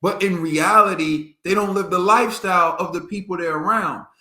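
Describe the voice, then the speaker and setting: A man's voice: sits high, moderate pace, sharp tone. A man co-hosting a podcast, giving emphatic casual boxing commentary and laughing often. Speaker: podcast co-host. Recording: roomy echo.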